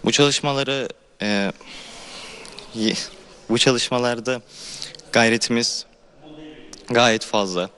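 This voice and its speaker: A teenage boy, a tenth-grade student, answering interview questions carefully and a little haltingly. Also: mid-range voice, fairly bright tone. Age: teens. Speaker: high school student.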